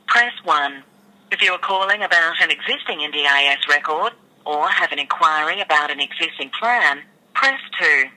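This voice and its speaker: Recorded phone menu announcer: very bright tone, formal, measured instructions. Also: mid-range voice, rough recording. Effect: recorded phone menu message. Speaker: automated helpline announcer.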